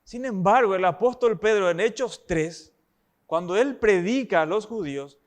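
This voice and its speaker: High-voiced preacher. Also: male voice, expressive, normal speed. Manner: emphatic, asks the congregation rhetorical questions. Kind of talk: sermon.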